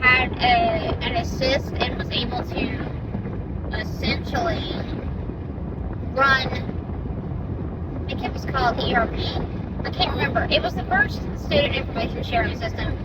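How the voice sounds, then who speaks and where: High-pitched woman, indignant profane rant, far from the mic, loud traffic noise behind. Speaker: podcast host and parent. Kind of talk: casual monologue.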